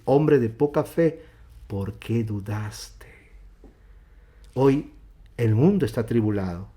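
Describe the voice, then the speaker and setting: Fervent male pastor preaching. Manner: fervent preaching, swinging from loud emphatic reading to hushed low endings. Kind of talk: sermon. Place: church.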